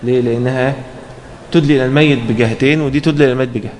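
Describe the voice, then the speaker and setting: A man's voice: medium pitch, fairly even intonation, very fast, a little mellow. A man with an Egyptian Arabic accent, teaching a religious law text to students, reading passages and then explaining them with frequent check questions. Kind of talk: explaining a fiqh text in a lesson. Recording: roomy echo, faint background ambience.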